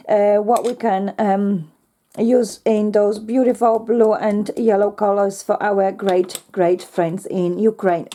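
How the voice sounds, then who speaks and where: A woman from Poland with a Polish accent, a slightly croaky voice and an earnest manner, hosting a crafting tutorial. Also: fairly high pitch. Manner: warm, earnest, many fillers. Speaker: craft channel host.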